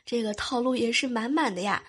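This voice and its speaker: A woman's voice: a little high, brisk, faint music behind. A young woman hosting a podcast, reading listener messages aloud in a playful, teasing way while nursing a cold and a sore throat. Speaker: podcast host.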